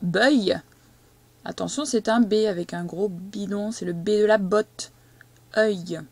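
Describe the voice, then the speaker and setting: A woman teaching a young child to read, speaking slowly and patiently and stressing each syllable as she dictates. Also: medium pitch, a little mellow, soft background music. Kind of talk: reading and spelling lesson for a young child.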